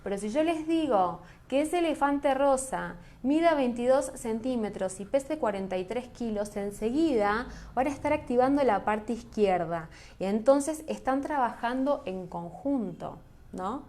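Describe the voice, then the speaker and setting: A woman's voice: fairly high pitch, animated, measured pace, mellow. A woman teaching a graphology class online, chatty and enthusiastic, answering chat questions as she goes. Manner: enthusiastic, chatty, loses her thread.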